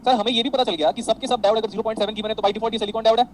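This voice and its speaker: A man lecturing on electronics to an online class, mixing Hindi and English and calling his students "beta". His voice sits a little high and he talks quickly. Faint traffic noise hums behind him. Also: fairly even intonation, rough recording. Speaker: electronics teacher.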